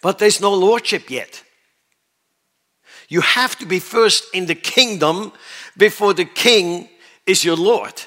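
A man's voice: high voice, slow pace, pauses often, sharp tone. A man from Switzerland preaching a sermon, stressing his points and often asking the audience whether they understand. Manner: emphatic, questions the audience often.

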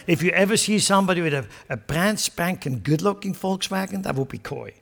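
A man from Switzerland preaching a sermon, emphatic and joking, dropping from loud stressed lines to quiet asides. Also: high voice, brisk, vocal fry. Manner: joking, chuckles at his own remarks.

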